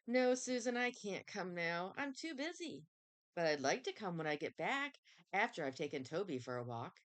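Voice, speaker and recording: Brief: a woman reading a small earnest storybook girl, lisping childlike speech, a bit low-pitched. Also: big pitch swings, moderate pace. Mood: solemn. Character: small dutiful solemn little girl.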